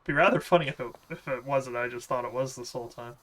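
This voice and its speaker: A bright-voiced, laid-back male gaming streamer chats casually with viewers during gameplay. His mid-range voice moves fast and rambles as he answers chat questions with small laughs, and the recording is rough.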